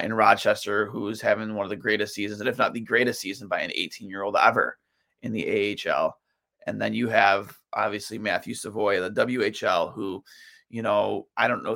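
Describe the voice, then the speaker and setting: A man's voice: on the low side, vocal fry, fairly bright tone. A tired man hosting a solo sports podcast, rambling through his thoughts with lots of fillers and restarts. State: tired, yawning.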